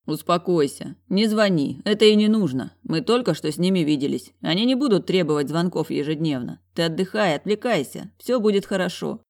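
Higher-voiced man narrating an audiobook. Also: lively intonation, brisk, few pauses, darkish tone. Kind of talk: first-person audiobook narration with acted dialogue.

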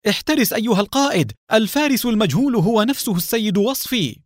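A startled young psychiatrist, voiced by a man narrating cries out in a high, pressing voice. His alarm is sharp and urgent. The recording is dry and close. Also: animated, a little fast, dry recording. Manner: exclaiming urgently. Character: shocked young male psychiatrist.

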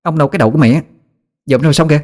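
A man's voice: a little high, racing, a little mellow, pitched above the performer's own voice, lightly acted. A man doing a chatty young village girl. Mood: teasing. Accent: Southern Vietnamese.

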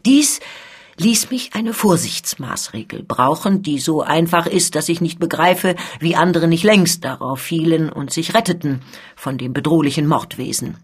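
A woman reading the part of a proud, soldierly male count who is a guard colonel, in a measured, emphatic manner. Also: deep voice, expressive, breathy edge.

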